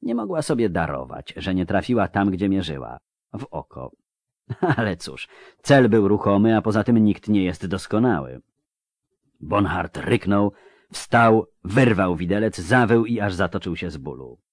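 A man narrating a fantasy audiobook in an expressive, scripted reading with varied emphasis, on a close mic. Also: deep voice, unhurried, no room sound.

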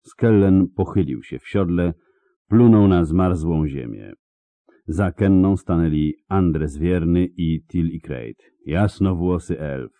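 A man reads an audiobook with measured, expressive narration. His voice is low and very dark, and his intonation moves a lot. The recording is dry and close. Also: no echo.

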